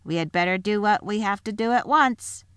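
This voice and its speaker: A woman's voice: medium pitch, moderate pace, fairly bright tone, clear, resonant tone, no room sound, studio quality, pitched above the performer's own voice, close to an everyday voice. A woman voicing an anxious, scheming male dwarf who wheedles his queen.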